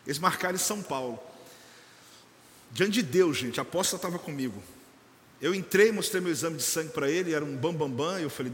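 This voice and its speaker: A man preaching a lively sermon as a church leader, joking with the congregation and acting out members and a doctor. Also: high voice, long reverb tail. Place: church service.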